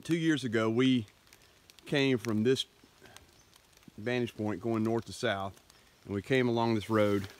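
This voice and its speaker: On the low side and a little slow, this middle-aged man's voice pauses often as he walks a leafy forest trail. He's filming his hike for a casual vlog, camera held close to his face, and explains what's around him in a plain, matter-of-fact way.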